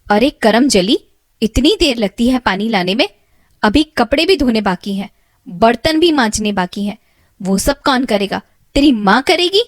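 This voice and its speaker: A woman's voice: a little high, animated, unhurried, no room sound, studio quality. A woman voicing a cruel, middle-aged stepmother in a cartoon story, with a harsh, scolding manner. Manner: harsh, scolding, shouting insults.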